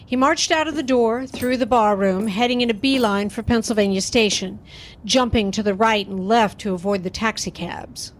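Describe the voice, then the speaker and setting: A woman narrating a radio drama with clear, measured storytelling. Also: fairly high pitch.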